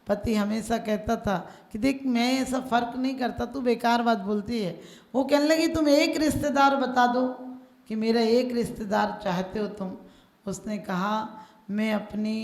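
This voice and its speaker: Female preacher, higher-pitched, gravelly voice, storytelling sermon in a reverberant hall. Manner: storytelling, acting out characters' lines, occasionally chanting verses. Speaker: Jain nun preacher. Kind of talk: sermon with stories and verses. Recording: echoey hall.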